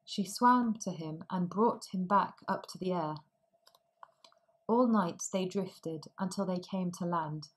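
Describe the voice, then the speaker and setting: A woman reads a fairy tale aloud for language learners, slow and clearly articulated. Her voice sits a little low, and she gives each sentence room. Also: poor audio. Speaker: storyteller. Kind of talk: storybook narration for language learners.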